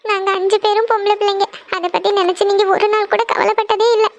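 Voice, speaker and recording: A woman's voice: very high voice, flat delivery, quick pace, dull audio, slight background noise. A woman voicing a devoted young eldest daughter in a cartoon family serial, pleading insistently.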